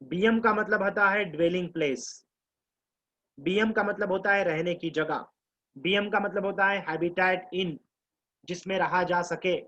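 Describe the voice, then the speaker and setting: A man teaching biology to exam students, mixing Hindi with Indian English, explaining slowly, repeating key terms and quizzing his class. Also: high-pitched, pushed and bright, muffled recording. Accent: Indian English mixed with Hindi. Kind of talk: live online class lecture.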